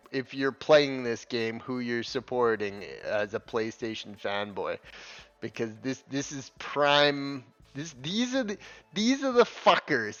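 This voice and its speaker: Man, gaming commentary, profane, rambling, stop-start, mid pitch, dull lo-fi audio, faint music underneath. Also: a bit bright. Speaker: channel host.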